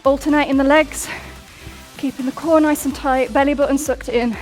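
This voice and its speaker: A woman's voice: sits high, fairly even intonation, normal speed, faint music behind. Upbeat woman coaching a workout. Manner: upbeat coaching, counts down reps. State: out of breath at times. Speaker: fitness instructor. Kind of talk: workout instruction over music.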